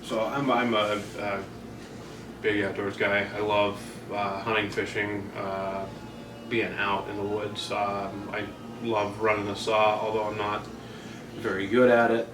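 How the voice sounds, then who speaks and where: A man's voice: on the low side, little pitch movement, unhurried, background noise. Interview guest, male, Vermont accent, casual and self-deprecating rambler, distant mic in an echoey room. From Vermont, US Northeast.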